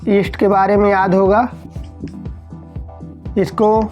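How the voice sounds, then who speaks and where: A woman's voice: mid-range voice, level tone, slow, dull audio, soft background music. A woman science teacher going through multiple-choice exam questions, repeating key terms, asking her students questions and often saying "theek hai".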